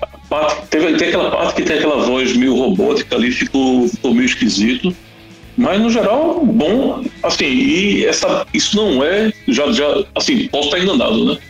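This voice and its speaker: A man's voice: a little high, big pitch swings, normal speed, vocal fry, echoey room, highs cut off. A Brazilian man giving a casual, hesitant music review with many restarts and hedges. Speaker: panelist.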